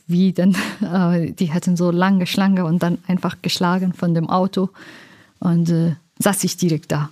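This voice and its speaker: A young woman from Afghanistan tells her story slowly and haltingly, with many pauses and fillers while she looks for the right word. Her voice is mellow and a little low for a woman. The recording is dry and close. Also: dry recording. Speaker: interviewee. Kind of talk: personal life story interview.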